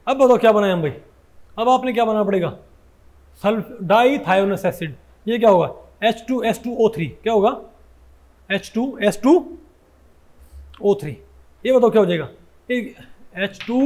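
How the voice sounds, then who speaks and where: A man's voice: sits high, a little mellow. A male chemistry teacher giving a lecture, who keeps throwing questions at his students and corrects himself as he goes. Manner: keeps asking students questions, often says "bhai"; corrects himself mid-sentence. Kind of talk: Hindi classroom lecture.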